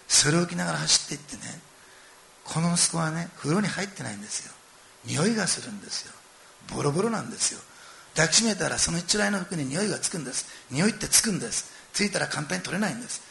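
Speaking fast with vocal fry in a slightly high voice, this middle-aged pastor animates a story during his sermon. He acts out the quoted lines and talks straight to the people listening.

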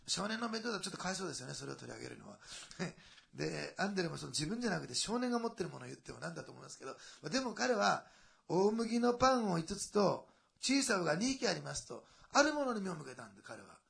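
A man preaching a sermon in a lively, conversational way, with asides and a lilt. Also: a little high, very fast, gravelly. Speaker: pastor.

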